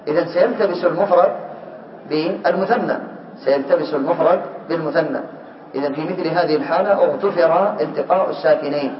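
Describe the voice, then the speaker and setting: A male teacher giving a grammar lesson to a class, asking questions, calling on students by name and slowly repeating word forms. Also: fairly high pitch, slight background noise. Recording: echoey room, muffled lo-fi sound.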